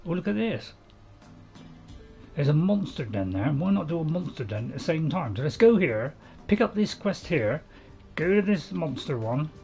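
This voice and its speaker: A man's voice: a little high, sing-song, normal speed, vocal fry, a little mellow, soft background music. A man giving rambling, casual commentary as he plays a video game. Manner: rambling, chuckling asides. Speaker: gamer recording a playthrough.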